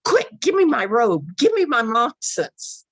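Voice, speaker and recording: A woman's voice: a little high, sing-song, a little slow, slightly rough, dry recording, heavily acted. A woman storyteller voicing an affectionate, childlike young brother in an eager, earnest way, in a traditional story.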